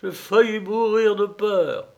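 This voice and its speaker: A man voicing a terrified peasant coachman in a storybook reading, crying out in shrill panic. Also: slow pace, gravelly, darkish tone, heavily acted. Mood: shaken. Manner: shrill, wailing cries.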